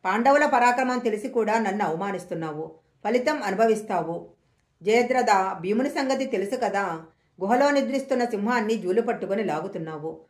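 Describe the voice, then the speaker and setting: A woman's voice: medium pitch, lively intonation, brisk, natural voice. Woman reading as a defiant, stern queen. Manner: stern and defiant, read plainly. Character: proud queen warning her abductor, defiant. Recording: echoey room.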